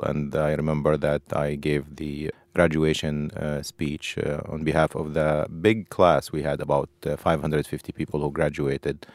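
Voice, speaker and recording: A man, a doctor recounting his life in a measured way, pausing with fillers. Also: rumbling low, a little mellow, dry recording. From Syria. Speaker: physician. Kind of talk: interview testimony.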